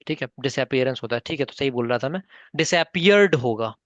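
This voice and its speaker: A man's voice: mid-range voice, animated, fairly quick, fairly bright tone, no room sound, dull audio. Patient male English trainer on a call. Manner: patient teacher, mixing Hindi and English, coaxing learners by name. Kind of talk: online spoken English class.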